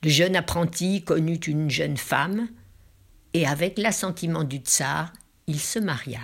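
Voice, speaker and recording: Woman telling a folk tale, low gravelly voice, slow and dramatic, goes whispery for effect. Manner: drops into hushed whispers for emphasis; slow, drawn-out dramatic phrasing. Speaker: storyteller.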